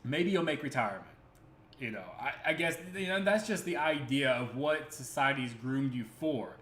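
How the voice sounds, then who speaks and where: A man's voice: mid-range voice, animated, normal speed, a bit bright. A man hosting a crypto livestream, talking casually and earnestly, rambling with many fillers and restarts. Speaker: crypto stream host. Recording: echoey room with faint ambience.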